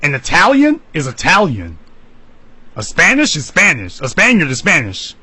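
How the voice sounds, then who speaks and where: A man hosting a talk radio show, delivering an emphatic, preachy monologue that leaps high for emphasis. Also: huge pitch swings, moderate pace, pushed and bright, husky, dry recording, poor audio.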